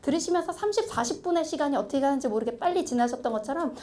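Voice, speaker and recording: A woman lecturer giving an admissions seminar talk to parents, telling stories with lively acted-out quotes and frequent laughter. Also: high voice, very fast. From Korea. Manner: lively storytelling, acts out students and parents; laughs often mid-sentence. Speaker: private academy lecturer.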